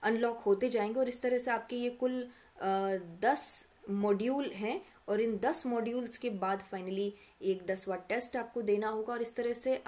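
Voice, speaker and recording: A woman's voice: medium pitch, a little mellow. Patient woman mentor explaining step by step. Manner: patient step-by-step explaining, addresses students directly. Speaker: online course mentor. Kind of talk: screen-recorded tutorial walkthrough.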